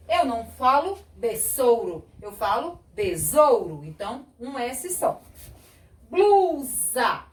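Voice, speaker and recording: A Brazilian Portuguese woman teaches young children in a high, lively, sing-song voice. She speaks slowly and stretches out each word she sounds out. She is a bit away from the mic in an echoey room. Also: recorded from a distance. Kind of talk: children's lesson.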